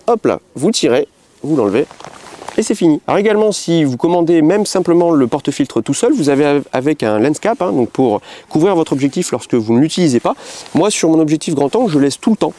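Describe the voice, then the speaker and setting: A man's voice: on the high side, expressive, brisk, dark tone. A man casually demonstrating photo gear step by step, chatty and full of fillers, filming himself indoors. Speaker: photographer reviewing camera gear.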